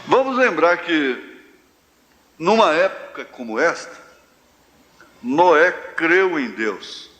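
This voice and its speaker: A Brazilian pastor preaching a live sermon, telling homespun stories with slow, drawn-out phrases. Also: male voice, a little high, animated, bright, forceful tone. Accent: Brazilian Portuguese, central-west. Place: large church hall. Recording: live church hall reverb, faint ambience.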